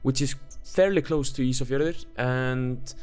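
A man's voice: medium pitch, unhurried, a little mellow, clean tone, soft background music. A man casually narrating his road trip as a voice-over, in a loose, easygoing way with fillers. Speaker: travel vlogger.

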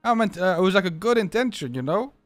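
A man's voice: high-pitched, lively intonation, quick pace, no room sound, soft background music. A man playing a flustered underling musician in an improvised game role-play, hesitant and stammering as he pleads and makes excuses. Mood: defensive, flustered.

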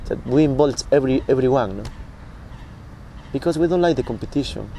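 A man's voice: medium pitch, expressive, creaky, mellow, low-quality recording. Peruvian man, traffic behind. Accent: Peruvian Spanish. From Peru. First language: Spanish. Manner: tag question "no?" often, halting English. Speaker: band singer and guitarist. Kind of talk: casual interview. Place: outdoors in a park. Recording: outdoor traffic noise.

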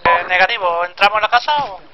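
A man's voice: sits high, steady tone, fast talker, crowd noise. A man on a two-way radio during an airsoft match, giving terse, clipped reports to his commander. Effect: heard over a two-way radio. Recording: muffled radio with loud hiss.

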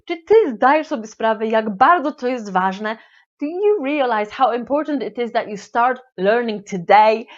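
A woman's voice: a little high, lo-fi sound. Playful Polish English teacher woman. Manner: playful, affectionate, with hesitation fillers. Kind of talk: lively language lesson.

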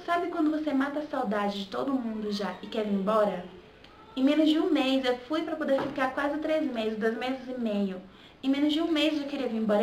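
A young woman with a Bahian accent chats casually to her camera, her voice sitting a touch high. She talks in a relaxed, conversational flow and keeps checking in with the listener. The room is echoey, with a faint hum of ambience behind her. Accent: Bahian Brazilian Portuguese. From Salvador, Bahia, Brazil. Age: young adult. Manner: chatty, keeps adding "sabe?" to her points. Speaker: vlogger. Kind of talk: casual vlog chat.

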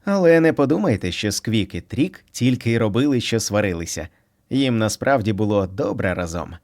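A man reads a children's storybook aloud with playful expression. His voice sits low and steady. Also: moderate pace. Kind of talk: scripted storybook narration.

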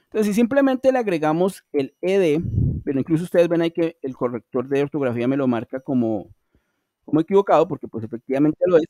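A man's voice: fairly high pitch, lively intonation, quick pace, mellow, no echo, studio quality. A man teaching an online English class, explaining rules patiently and speaking directly to his students, with Spanish as his first language.

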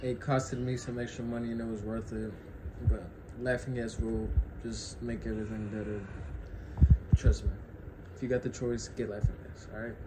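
A man's voice: mid-range voice, flat delivery, normal speed. A young man chatting casually in a vlog, slangy and laid-back, talking with a swollen, sore mouth after having his wisdom teeth out, on a noisy home recording. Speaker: vlogger. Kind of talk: casual chat to camera.

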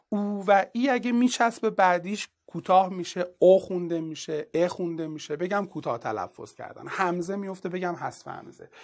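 A teacher giving an exam-prep literature lesson in casual, colloquial speech, walking through each step and asking rhetorical questions along the way. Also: medium pitch.

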